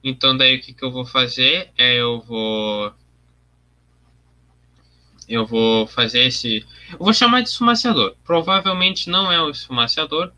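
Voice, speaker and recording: A man's voice: mid-range voice, a little slow, long pauses, bright, forceful tone. A young man, chatting casually on a livestream while he colors his artwork, thinking aloud about his process and answering viewer comments. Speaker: artist streaming his work.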